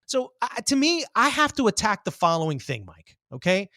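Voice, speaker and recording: A man's voice: high voice, big pitch swings, moderate pace, sharp tone, dry recording, studio quality. A man co-hosting a podcast, arguing his point emphatically in a heated, casual debate. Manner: argumentative, emphatic, swears. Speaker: podcast co-host.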